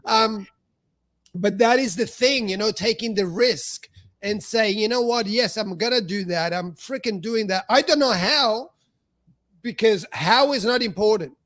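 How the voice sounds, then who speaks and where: A man's voice: high voice, unhurried, fairly bright tone, no room sound. A middle-aged man hosting a podcast, telling a story in a casual chatty way, full of fillers and acted-out dialogue. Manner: chatty, heavy on fillers, acts out quoted dialogue. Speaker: podcast host.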